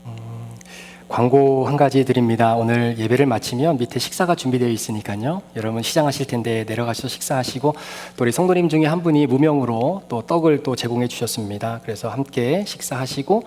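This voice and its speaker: A man's voice: medium pitch, fairly quick, darkish tone. A man speaks as a pastor, making polite service announcements and giving loosely phrased instructions.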